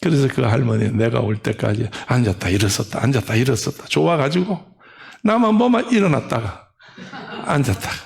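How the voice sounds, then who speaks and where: A middle-aged male pastor with a fairly high, creaky voice preaches a sermon, animatedly telling a story and acting out the voices of old women.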